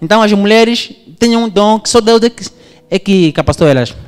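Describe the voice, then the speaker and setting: Preaching with a story, this Angolan man lets his voice rise and fall in animated fashion. His delivery is brisk and smooth, heard through a long hall reverb.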